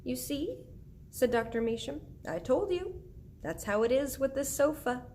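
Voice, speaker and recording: A woman's voice: high-pitched, lively intonation, measured pace, warm tone, a little hiss or hum, voice pushed up. A woman reading the part of a kindly, soothing older woman doctor in a storybook.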